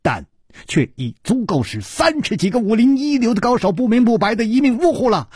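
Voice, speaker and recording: Man doing a haughty young woman, icy, clipped, half-whispered, husky, dry close sound. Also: very high voice, very animated, a little fast, darkish tone, no room sound, pitched above the performer's own voice, full character voice. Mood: cold. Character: cold, haughty young woman from a secret palace.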